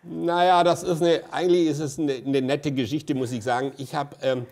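A man's voice: on the high side, steady tone, normal speed, gravelly, darkish tone. A man in his sixties, an interview guest, telling long anecdotes with many hesitant fillers and chuckles. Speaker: interview guest, festival director. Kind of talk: anecdotal conversation on stage.

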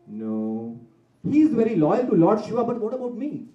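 A man playing a loving, protective divine mother who speaks slowly and pleadingly. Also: high voice, very animated, mellow. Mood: anxious. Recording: roomy hall from afar, dull.

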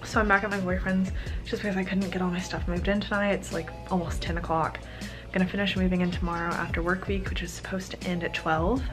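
A young American woman with a fairly low voice vlogs from a small bedroom with music clearly playing behind her. She talks in a casual, chatty, bubbly sorority-girl manner, camera held at arm's length. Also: level tone, fast. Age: early 20s. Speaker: vlogger, college sorority member. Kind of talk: casual vlog chat.

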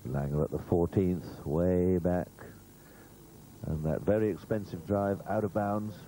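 A man's voice: low-pitched, fairly even intonation, unhurried, warm tone. A male golf commentator giving conversational live commentary, rambling along with humorous asides. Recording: noisy old TV broadcast audio.

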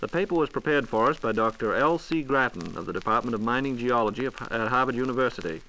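An American man with polished announcer delivery hosts and interviews on a scripted 1940s radio programme from a radio studio. His medium-pitched voice is quick, pushed and bright, captured on a noisy vintage 1940s radio transcription disc.

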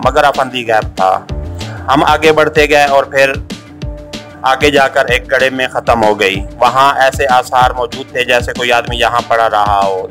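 A man's voice: medium pitch, a bit bright, natural voice. A man voicing a captured, panicked army captain in an audiobook, stammering and flustered. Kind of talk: audiobook character reading.

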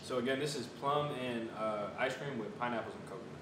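An American man in his twenties talks through a casual food review, chewing as he speaks. He is picked up from across a bare, echoey room, with a clear low rumble behind him. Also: fast, recorded from a distance. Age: 20s. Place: small bare room at a table, indoors. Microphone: camera several feet away.

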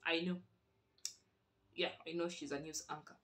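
A woman's voice: deep voice, steady tone, normal speed, a bit bright. A young Kenyan woman with a Kenyan accent chatting playfully on her vlog, switching between languages mid-sentence. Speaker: vlogger. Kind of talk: casual chat.

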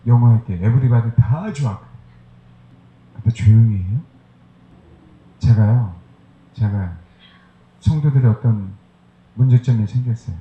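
Man, pastor, sermon, rhetorical questions, very dark tone, roomy echo. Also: medium pitch, a little slow, long pauses, muffled recording. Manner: emphatic, rhetorical questions to the congregation.

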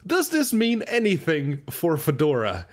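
A man's voice: fairly high pitch, huge pitch swings, unhurried. A man from Portugal, co-hosting a casual podcast in a rambling, hesitant way. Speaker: podcast co-host. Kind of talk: casual chat.

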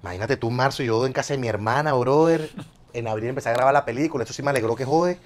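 A young man with a Venezuelan accent telling a personal story in casual chat, acting out the dialogue as he goes. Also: medium pitch. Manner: fast, animated, acts out quoted dialogue. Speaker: guest.

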